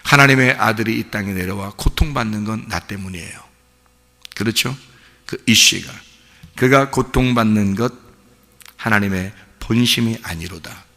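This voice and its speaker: A male pastor preaching an impassioned sermon at a dawn church service, swinging between hushed asides and emotional outbursts. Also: lowish voice, moderate pace. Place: church sanctuary. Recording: reverberant church hall.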